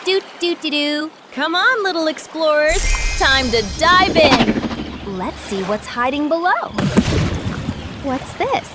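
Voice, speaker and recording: A woman voicing a squeaky, bubbly cartoon sea captain girl. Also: animated, slow pace, very noisy. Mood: bubbly excited. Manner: gushing, exclamatory, sing-song questions to the viewer. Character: cheerful young female sea captain guiding kids. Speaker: narrator guide for small children. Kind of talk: cartoon narration for toddlers. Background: loud children's music.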